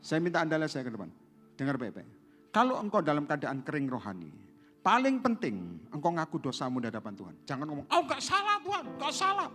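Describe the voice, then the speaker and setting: A man's voice: medium pitch, fast, big-room sound, faint music behind. A man preaching a sermon as pastor, calling out to the congregation and urging them to respond. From Indonesia. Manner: lively preaching, calls to the congregation.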